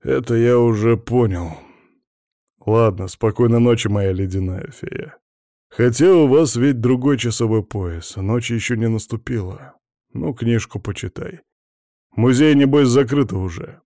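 A man's voice: medium pitch, normal speed, warm tone, no room sound, clean studio sound, close to an everyday voice. A man reading an audiobook, voicing a short-tempered fighter husband who talks curtly and with irony. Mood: ironic. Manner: curt, ironic.

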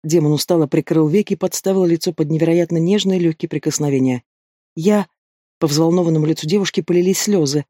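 A man giving a steady, expressive scripted narration of a fantasy novel as an audiobook narrator. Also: fairly high pitch, quick pace, hardly any pauses, no room sound, studio quality.

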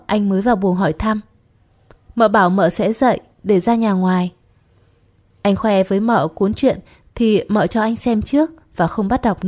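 A woman narrating a literary short story in a steady, storytelling voice. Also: medium pitch. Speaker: audiobook narrator. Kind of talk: scripted narration.

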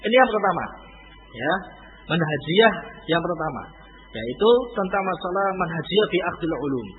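A man teaching an Islamic study lecture in a lively, conversational way, firing off rhetorical questions. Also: fairly high pitch, normal speed, a little hiss or hum. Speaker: religious teacher. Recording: echoey hall over a tinny lo-fi line.

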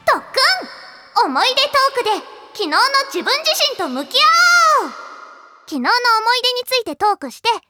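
A stubborn, cheeky teen idol who talks like a cat in an anime radio drama. Her voice sits very high and swoops up and down with lively bounce, tacking "nya" onto her phrases. Loud music plays behind her. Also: moderate pace. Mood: chatty. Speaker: radio show personality. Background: children's music.

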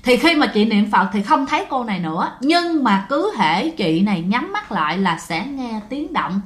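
A woman's voice: fairly high pitch, very animated, moderate pace, echoey room. A woman telling a ghost story in a casual, chatty way, addressing listeners directly.

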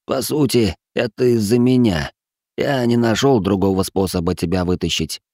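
A man's voice: lowish voice, moderate pace, a little mellow, dry recording, studio quality. A man voicing a sheepish, apologetic old wizard who teaches magic, in an audiobook reading. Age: older. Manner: apologetic, sighing.

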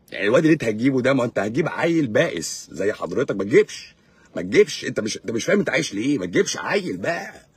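A man's voice: on the low side, breathy edge, dry recording. A man with an Egyptian accent, a doctor hosting a live stream, lecturing in a sarcastic, mocking way. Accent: Egyptian Arabic. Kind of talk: casual live-stream monologue.

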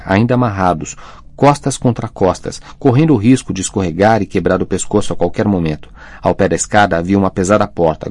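Deep-voiced male audiobook narrator. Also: a little mellow, no echo.

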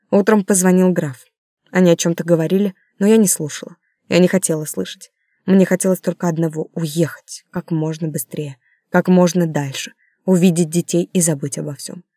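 A woman's voice: lowish voice, warm tone, dry recording, clean studio sound. A woman reading an audiobook in the first person, intimate and emotional. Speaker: audiobook narrator. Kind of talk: audiobook narration.

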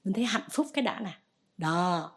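A Buddhist nun giving a conversational Dharma talk, telling stories and gently exhorting. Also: female voice, mid-range voice, lively intonation, normal speed, slightly rough.

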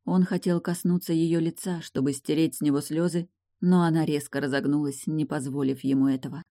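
A narrator reading an audiobook in an even, measured way. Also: medium pitch, no echo, clean studio sound. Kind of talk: scripted narration.

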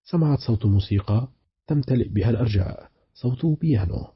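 Rapid husky male audiobook narrator. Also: mid-range voice, expressive, dry recording, dull audio. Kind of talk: scripted narration of a horror novel.

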